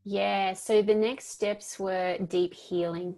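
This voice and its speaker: Aussie woman in her 30s, life coach guest, upbeat and emphatic, mid-pitched voice. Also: steady tone, takes it slowly, dark tone. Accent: Australian. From Perth, Australia. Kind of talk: casual interview talk.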